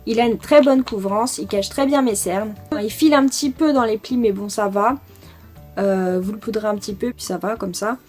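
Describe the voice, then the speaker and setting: A woman's voice: medium pitch, moderate pace, darkish tone, faint music behind. A young French woman chatting casually through a makeup product review, enthusiastic and full of fillers. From France. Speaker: beauty vlogger.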